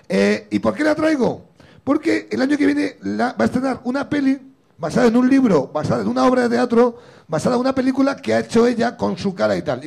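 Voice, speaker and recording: Gravelly middle-aged guy hosting a comedy show, husky voice, high and bouncy, acts out every part of his story. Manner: animated, acts out both sides of the story. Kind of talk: stand-up style storytelling.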